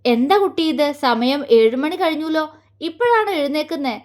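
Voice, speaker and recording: A woman's voice: high voice, lively intonation, normal speed, darkish tone. A woman voicing a cold, disapproving older aunt-in-law who gives orders, in an audio story. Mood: stern. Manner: cold, commanding, grudging.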